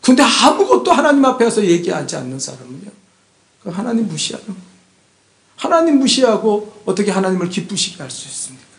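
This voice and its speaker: Guy pastor preaching, high voice swinging all over, loud then hushed, lots of echo in the church. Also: sing-song, quick pace, gravelly. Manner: emphatic, keeps prodding the congregation with rhetorical questions; swings between loud exhortation and soft, hushed asides. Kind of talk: Sunday sermon. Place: church sanctuary. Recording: echoey church room.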